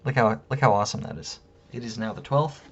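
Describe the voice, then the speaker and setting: A man's voice: medium pitch, a little fast, slightly rough. A man ranting casually to camera in a room at home, heated and rambling, swearing constantly. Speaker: vlogger. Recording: dull lo-fi sound.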